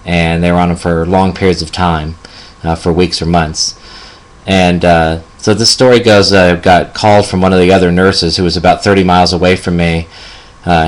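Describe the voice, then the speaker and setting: A man in his fifties, a hospice nurse, telling a personal story gently with many fillers. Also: deep voice. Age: 50s.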